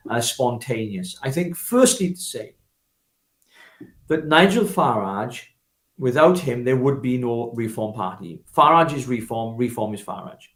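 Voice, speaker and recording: A Welsh political activist and former parliamentary candidate speaks off the cuff as an interview guest, emphatic and oratorical, leaning on repetition and rhetorical questions. His mid-range voice is animated, a little slow, and a bit bright. The sound is roomy.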